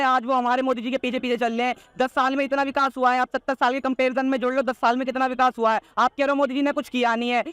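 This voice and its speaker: A man's voice: very high-pitched, a bit bright, smooth, dry recording. A teenage boy giving political opinions in a street interview, rattling them off all in one breath in a combative, insistent way, with repeated points and rhetorical challenges. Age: teenager, not yet of voting age.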